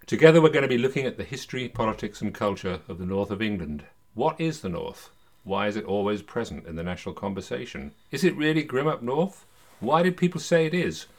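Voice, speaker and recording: An older man hosting a podcast, introducing it and talking conversationally in a studio. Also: on the low side. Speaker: podcast host.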